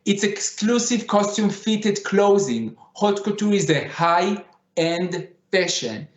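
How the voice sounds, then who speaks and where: Middle eastern accent guy giving a lecture, slightly high voice, echoey dull recording. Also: lively intonation, slow. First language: not English. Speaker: conference speaker, digital fashion designer. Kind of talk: conference lecture.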